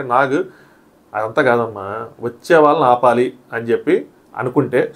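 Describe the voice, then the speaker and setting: A man giving a quick, animated review of a reality show, acting out what the contestants said. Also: medium pitch. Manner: animated, re-enacts contestants' quotes. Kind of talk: fast recap commentary.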